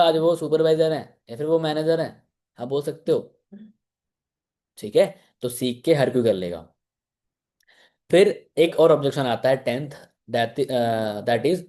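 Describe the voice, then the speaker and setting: A young man giving a casual sales training talk, acting out both sides of pitch conversations and often checking in with his listeners. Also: dark tone. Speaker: sales team mentor.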